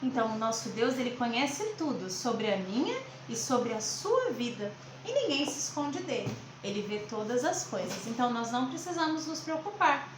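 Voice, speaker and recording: A high-pitched woman with a Brazilian accent addresses young children as a teacher and host. She keeps her explanations simple and direct. The recording has a clearly echoing room and a little background noise. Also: very animated, normal speed. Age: late 30s to 40s. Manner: simple explanations with frequent check-in questions. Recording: roomy echo, faint background noise.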